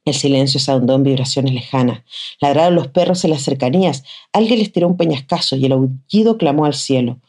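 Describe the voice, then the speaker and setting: A woman reading a literary short story aloud in a measured, expressive way. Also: extremely low pitch. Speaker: reader of short stories.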